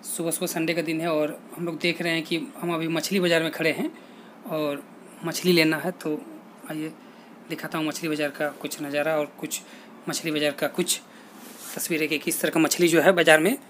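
A man's voice: on the high side, little pitch movement, a bit bright, poor audio. Man vlogging through a street market. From India. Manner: plain, unhurried tour-guide commentary, pointing things out. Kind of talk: casual walking vlog narration. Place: outdoor street fish market. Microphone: phone held at arm's length. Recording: outdoor street noise and traffic.

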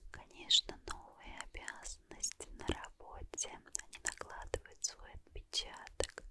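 A tired young woman chatting in a gentle, breathy whispered murmur, ASMR style, very close to a condenser microphone. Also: a little slow. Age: young adult. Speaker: ASMR host. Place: small dim room, lying on a pillow. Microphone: large condenser mic very close to mouth.

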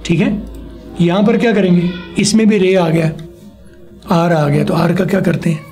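A man teaching a spoken language lesson, slowly modeling words and having a pupil repeat them back after him. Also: high-pitched, fairly even intonation, a little mellow, faint music behind. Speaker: English teacher.

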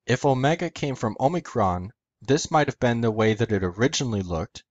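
A man's voice: mid-range voice, lively intonation, a little fast, no room sound, highs cut off. A man hosting an educational video, narrating a methodical scripted explanation step by step.

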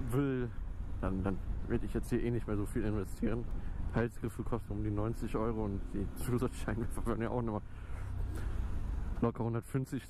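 A young man chatting casually and bluntly in slang from inside a helmet while riding a motorbike, as a vlogger. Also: medium pitch. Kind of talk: casual rambling vlog chat while riding. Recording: helmet mic with clear engine and wind noise. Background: motorbike engine and street traffic noise.

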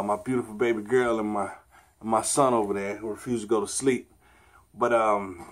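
A man in his thirties talking casually to the camera in a fitness challenge vlog, recorded in a bedroom. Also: medium pitch. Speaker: vlogger, father. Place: small bedroom at home. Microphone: camera on the floor a short distance away.

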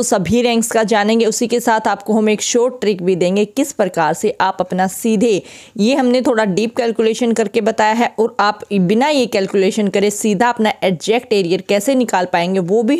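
A woman host walks viewers through pension arrear calculations in a steady, explanatory way. She reads out one figure after another at a mid pitch, like a tutor working through a sum on paper. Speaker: pension news channel host.

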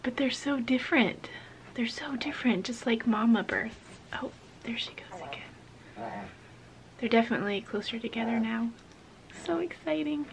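A woman's voice: a little high, creaky, slight background noise. A woman in her thirties vlogging casually, often dropping to a whisper while filming in a barn at night. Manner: soft-spoken, often whispering. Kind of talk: casual vlog narration. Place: wooden barn at night and farmhouse kitchen.

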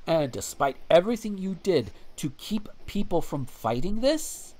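A man's voice: high-pitched, big pitch swings, measured pace, darkish tone. A man co-hosting a casual podcast, talking bluntly and swearing freely, and sometimes reading a news article aloud. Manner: blunt and profane, ranting with restarts. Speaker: podcast co-host.

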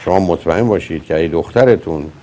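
A man's voice: low-pitched, mellow. A man hosting a call-in advice show as a psychologist, blunt and lecturing with his caller. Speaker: psychologist host.

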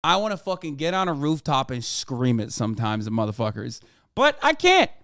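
A man's voice: medium pitch, big pitch swings, a little fast, a bit bright, no echo, studio quality. Profane, blunt male streamer. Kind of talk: casual reaction commentary.

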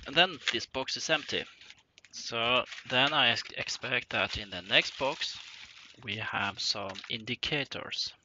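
Slow halting man unboxing parts. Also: medium pitch. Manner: slow, halting, thinking aloud with frequent pauses. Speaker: hobbyist unboxing flight simulator cockpit parts. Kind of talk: casual unboxing narration. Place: indoor workshop room at a desk. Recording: dull lo-fi sound with clear rustling and clicking noise.

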